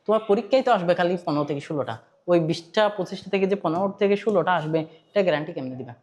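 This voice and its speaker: Bangladeshi-accented physics tutor, chatty lecture, repeats and quizzes, mid pitch. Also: animated, very fast, darkish tone. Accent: Bangladeshi Bengali. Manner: conversational, quizzes students, repeats points, mixes in English terms. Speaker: physics teacher. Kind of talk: online class lecture.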